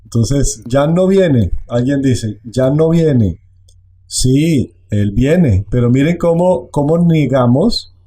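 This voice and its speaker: A man teaching a language online, explaining slowly and repeating phrases. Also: medium pitch, expressive, warm tone.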